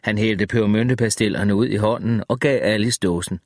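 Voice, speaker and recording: A man reading an audiobook in steady, measured scripted narration, close to the microphone. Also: lowish voice, dry recording.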